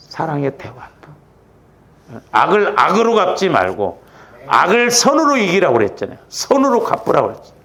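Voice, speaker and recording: A man preaching a Friday night church sermon, animated, acting out little quarrels as he goes. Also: on the high side, vocal fry, a little hiss or hum. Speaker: pastor.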